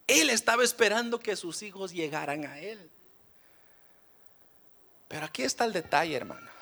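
A man preaching a dramatic, animated sermon who keeps addressing his listeners as brothers. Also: high-pitched, vocal fry.

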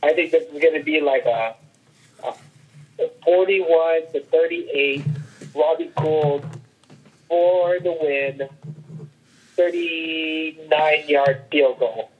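Muffled lo-fi line, man, higher-pitched husky voice, casual sports podcast chat. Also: slow, long pauses. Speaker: podcast co-host or guest.

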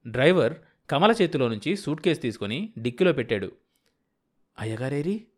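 A man narrating a written story in a steady, measured reading voice. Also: medium pitch.

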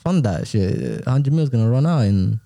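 A man's voice: medium pitch, lively intonation, moderate pace, creaky, dark tone, no echo, studio quality. A young man with a London urban roadman accent, hosting a casual chat full of street slang and tag questions. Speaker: podcast host.

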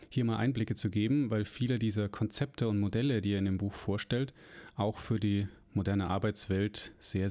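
A man hosting a podcast interview, relaxed and hesitant, often pausing with fillers. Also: fairly low pitch. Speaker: podcast host.

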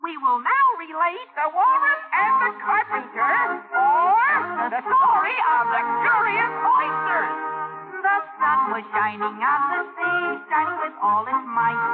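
Fussy twin brothers. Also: female voice, very high voice, sing-song, a little slow, full character voice. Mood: storytelling. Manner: prattling, pushy and sing-song. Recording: phone-like lo-fi audio with loud music.

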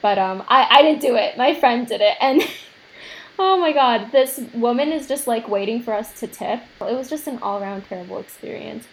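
A woman's voice: a little high, fairly quick, hardly any pauses, rough recording. A young adult woman chatting casually, telling a story with plenty of fillers. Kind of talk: casual chat.

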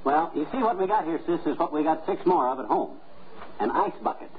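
A brash, wisecracking husband from a vintage radio comedy. His slangy, blustery voice is rather high and very animated, on a noisy, tinny old recording. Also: fairly quick. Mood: breezy, folksy. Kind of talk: 1950s-style old radio comedy acting.

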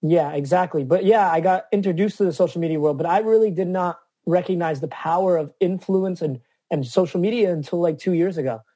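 A man's voice: high-pitched, fairly quick, few pauses, mellow, no room sound. A man speaking as a guest on an interview podcast, earnest and reflective about advocacy. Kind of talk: casual interview chat.

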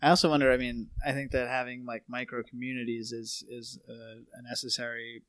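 A man's voice: medium pitch, level tone, brisk, a bit bright, a little hiss or hum. A young man in a casual podcast chat who rambles and keeps restarting his sentences with "I mean".

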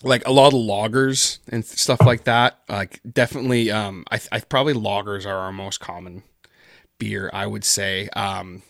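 Low-voiced rambling man, dry sound. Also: steady tone, normal speed, creaky, fairly bright tone, no room sound. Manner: rambling, heavy on fillers like "like" and "kinda". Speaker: podcast guest, horror story writer. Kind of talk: casual interview chat. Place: based in Canada.

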